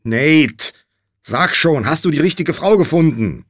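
A man voicing a worried man on a phone who shouts and pleads urgently. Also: mid-range voice, sing-song, measured pace, no echo, studio quality, pitched above the performer's own voice. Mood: frantic.

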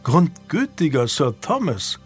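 Man doing a sharp-tongued young lord. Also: a little high, sing-song, a little slow, husky, soft background music, full character voice. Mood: sardonic. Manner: mocking, cutting.

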